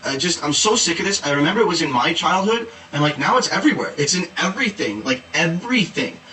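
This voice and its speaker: A man voicing a preachy, exasperated activist in valley-speak, dropping "like" into every phrase. The voice is fairly high and bright, bouncing up and down in pitch. It sounds roomy and a little distant from the mic. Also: animated, quick pace, slight background noise. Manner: valley-speak with constant "like" and "duh", sarcastic. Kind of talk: satirical character monologue.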